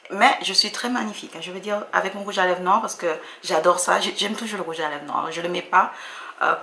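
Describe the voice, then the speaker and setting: A woman with a Caribbean French accent comments casually, full of chatty, self-mocking asides. Her voice is bright and forceful with a gravelly edge. The room around her is echoey. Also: on the low side, a little fast. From Dominica. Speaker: vlogger reacting to her old video.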